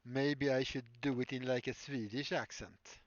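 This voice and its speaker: A man's voice: medium pitch, fairly even intonation, normal speed, no echo. A man chatting casually on a livestream while building props, rambling and musing with many fillers. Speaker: prop maker livestreamer. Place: workshop. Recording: dull lo-fi stream audio, dry.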